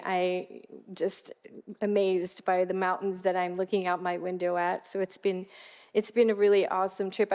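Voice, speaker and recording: A woman in her forties from Pennsylvania, giving a guest talk at a gala and telling personal stories in a chatty way. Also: medium pitch. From Pennsylvania, USA. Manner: warm, chatty storytelling with acted quotes. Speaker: guest speaker. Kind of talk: personal storytelling speech. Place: event hall. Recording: long reverb of a large hall.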